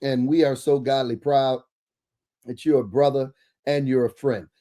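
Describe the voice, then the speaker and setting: A man's voice: mid-range voice, fairly even intonation, unhurried, warm tone. A man hosting a church talk show, introducing and interviewing a guest in a preacherly way, often saying amen.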